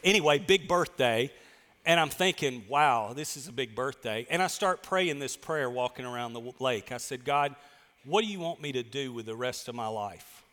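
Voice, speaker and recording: A man in his mid-fifties preaching in a relaxed, folksy way, tossing jokes at his own expense to the congregation. His mid-range voice carries a long reverb from the church hall around him. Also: medium pitch, moderate pace. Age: 50s. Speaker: pastor. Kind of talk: conversational sermon. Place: church sanctuary.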